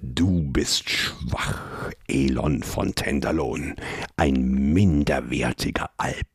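A sinister trickster god, as a male narrator puts him on, breathing his words out slowly in a cold, husky whisper. The voice sits very low and drags each phrase with quiet menace. It is recorded dry and close, as in a fantasy audio drama. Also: no room sound, heavily acted. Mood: menacing whisper. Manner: slow, cold and taunting.

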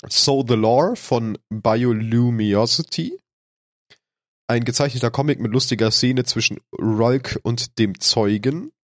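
A man's voice: mid-range voice, a little slow, dry recording, studio quality. A man with a snotty cold and a stuffy, nasal voice, casually hosting a podcast. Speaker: podcast host.

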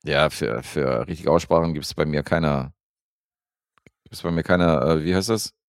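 A man co-hosting a podcast, reviewing a film in a relaxed, rambling way with lots of fillers. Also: extremely low pitch, a little slow, clean tone, no room sound, clean studio sound. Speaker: podcast co-host reviewing films. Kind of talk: casual chat.

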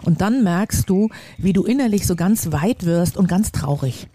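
A man's voice: sits high, expressive, moderate pace, dark tone, no room sound. A man telling a personal story in a casual chat on a small balcony, earnest and confessional. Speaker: podcast co-host.

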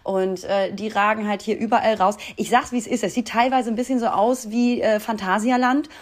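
A woman's voice: medium pitch, steady tone, brisk. A woman from Hamburg co-hosting a podcast in casual, jokey chat, laughing often, recording from a rented holiday room. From Hamburg, Germany. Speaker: podcast co-host.

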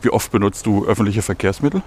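A man's voice: on the low side, fast talker, darkish tone, slight background noise. A man interviewing someone outdoors, asking short questions. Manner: brief, asks questions. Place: outdoors on a street.

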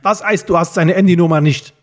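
A man's voice: high-pitched, steady tone, fairly quick, voice pushed up, close to an everyday voice. A man playing a short-tempered older villain. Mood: angry. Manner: scolding, insulting. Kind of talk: audiobook reading.

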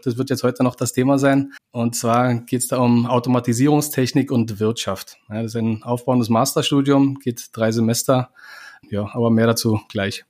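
A man's voice: mid-range voice, a little mellow. A man from Germany, a podcast guest, explaining his work in a methodical, step-by-step way. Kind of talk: conversational interview.

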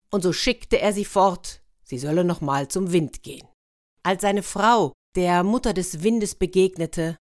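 A woman telling a fairy tale in a lively way, turning to her listeners with questions. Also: fairly low pitch. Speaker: storyteller.

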